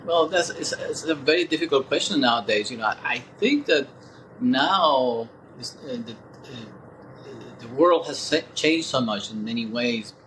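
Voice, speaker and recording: Thoughtful and unhurried, a sixty-something interview guest reflects in a middle-pitched, slightly bright voice, stopping often to pause and find his words. The recording is low quality, with faint hiss in the background.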